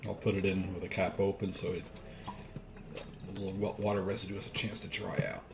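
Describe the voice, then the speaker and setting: A man talks through each step of his day in a plain, matter-of-fact way. His voice sits low and has a gravelly edge. Loud noise runs under the home recording. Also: level tone, a little fast. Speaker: vlogger. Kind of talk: casual narration of daily routine. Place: at home, kitchen.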